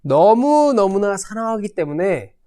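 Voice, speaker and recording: A man, a pastor, teaching a Sunday school Bible lesson, reading scripture slowly and telling stories with big swings in pitch and loudness. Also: very animated. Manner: slow, deliberate scripture reading.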